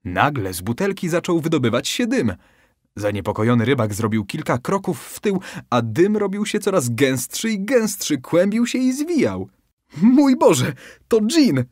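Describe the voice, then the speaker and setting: A man reading a bedtime story aloud as scripted narration, expressive and dramatic. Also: moderate pace, dry recording, clean studio sound. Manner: expressive, with lively shifts in pitch.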